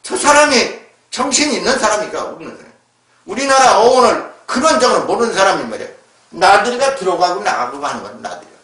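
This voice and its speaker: A man's voice: sits high, fairly bright tone. A man giving an emphatic, scolding lecture, often tagging rhetorical questions onto his points. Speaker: lecturer on word origins. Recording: echoey room, voice far from mic.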